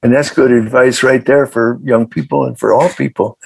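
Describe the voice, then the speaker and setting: A man's voice: medium pitch, fairly even intonation, normal speed, creaky, slightly rough, no echo, poor audio. A man hosting an interview, asking several questions in a row and affirming his guest. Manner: affirming, asks stacked questions.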